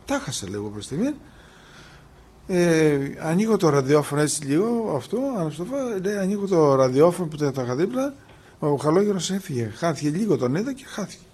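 A man telling religious miracle stories in a lively retelling style, often stopping to repeat who said what and trailing off into restarts. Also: on the high side, breathy edge. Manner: animated retelling, constantly repeating "he says", acting out quoted dialogue. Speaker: storyteller recounting miracles. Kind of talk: religious storytelling talk.

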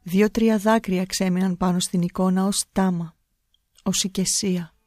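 A woman narrating a story in audiobook style, solemn and measured. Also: medium pitch, fairly even intonation, darkish tone, dry recording, clean studio sound.

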